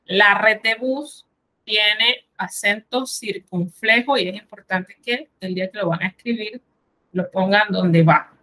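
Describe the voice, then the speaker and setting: A woman teaching a French vocabulary lesson, who says each French word slowly, then translates it and patiently explains the spelling. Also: medium pitch, pushed and bright, low-quality recording.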